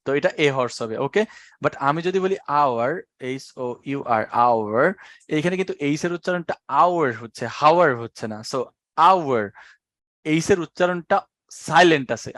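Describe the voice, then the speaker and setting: A man's voice: a little high, dry recording. A young man with a Bangladeshi Bengali accent giving an exam-prep lecture, patient and repetitive as he spells out rules for his students. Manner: patient, explains slowly and repeats key points; addresses students as "ভাইয়া". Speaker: teacher.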